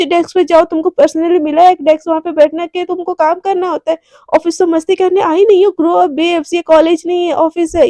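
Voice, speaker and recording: Short-fused young woman, sharp and dismissive, played by a woman narrator, high and mellow, dry sound. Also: dry recording. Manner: snappy, scolding. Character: young woman, quick-tempered and sharp-tongued office worker.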